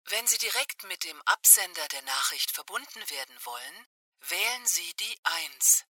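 A woman playing an automated phone menu and answering announcement, speaking in a measured, scripted way. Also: lowish voice, expressive, sharp tone, dry recording, distant mic, heavily acted. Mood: neutral, formal. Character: female automated voicemail and telephone announcement voice.

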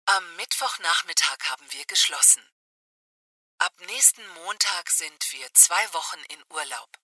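Bright phone menu voice. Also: female voice, on the low side, expressive, dry recording, recorded from a distance, heavily acted. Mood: neutral, formal. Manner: measured phone menu announcement. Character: female automated voicemail and telephone announcement voice. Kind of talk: scripted telephone announcement.

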